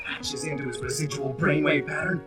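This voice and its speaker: A man voicing a calm, loyal robot lieutenant on a 1980s read-along record, sounding distant from the mic. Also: fairly high pitch, brisk, over music, lightly acted. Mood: steady.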